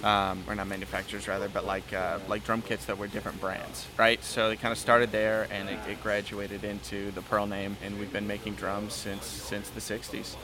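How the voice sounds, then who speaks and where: A man with a low voice answers interview questions about his company in a relaxed, easygoing way with lots of fillers. Crowd chatter is heard clearly behind him. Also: normal speed, few pauses. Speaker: artist relations manager. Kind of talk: casual interview.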